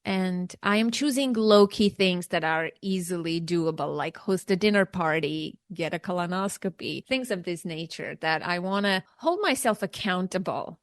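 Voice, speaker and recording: A woman's voice: mid-range voice, dry recording, clean studio sound. A woman hosting a podcast in a conversational style. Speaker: podcast host.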